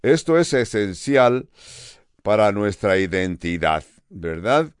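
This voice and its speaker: An older man with a Californian accent preaching a sermon as a pastor, earnest and steady, with pauses and repeated phrases. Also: fairly low pitch, clear, resonant tone, no echo, clean studio sound. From United States.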